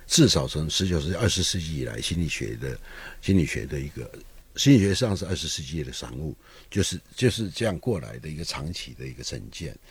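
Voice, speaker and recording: A man's voice: low voice, breathy edge. An older man, a guest writer, talking in a musing, discursive way through a reflective conversation. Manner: musing, discursive, with rising and falling emphasis.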